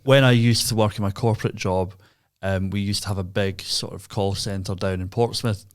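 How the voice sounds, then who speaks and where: A man with a broad Scottish accent co-hosting a podcast, his voice on the low side. He tells an anecdote in a loose, self-deprecating way. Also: fairly even intonation, moderate pace. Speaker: podcast co-host. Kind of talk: casual storytelling.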